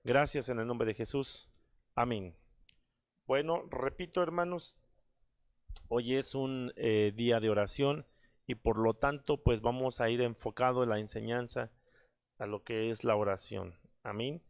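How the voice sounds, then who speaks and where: A pastor with a mid-range, slightly slow voice preaches a prayer-service sermon earnestly. He uses many fillers and repeatedly calls out to his listeners.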